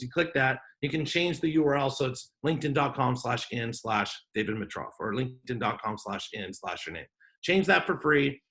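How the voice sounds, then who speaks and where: A man hosts an online business workshop over a video call, speaking in a casual, wisecracking, off-the-cuff way. His voice sits a bit high and has a gravelly edge. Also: fairly bright tone. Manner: joking, chatty, off-the-cuff. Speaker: workshop host.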